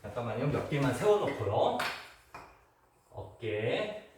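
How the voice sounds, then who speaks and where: A man hosting a casual, unedited demonstration explains and performs the moves of a traditional Korean game, exclaiming often along the way. His mid-range voice swings widely in pitch at a slow pace, heard through echoey, faintly noisy audio from a faraway camera.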